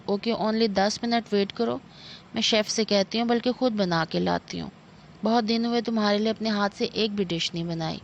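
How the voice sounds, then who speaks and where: Doting, anxious middle-aged mother, read by a woman, gravelly tone, lo-fi dull sound. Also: mid-range voice, lightly acted. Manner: affectionate and fussing. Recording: dull lo-fi with faint noise.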